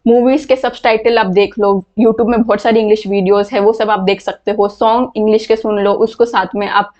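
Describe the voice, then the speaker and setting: A woman's voice: mid-range voice, fairly even intonation, brisk, a little mellow, dull audio. A woman teaching an online English class, explaining patiently and repeating words to model how they are said.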